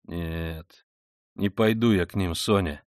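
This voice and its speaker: A man's voice: low voice, slow pace, clear, resonant tone, dry recording, studio quality, voice pushed down. A man reading an audiobook, voicing a tormented, proud young man who swings between intense outbursts and brooding mutters. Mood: gloomy.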